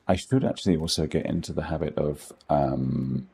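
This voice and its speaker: Playing a game while chatting with his viewers, a middle-aged Englishman with a posh accent rambles along with dry, self-deprecating humour. He's a gaming streamer whose rumbling low voice is creaky, mellow and husky, at a normal speed.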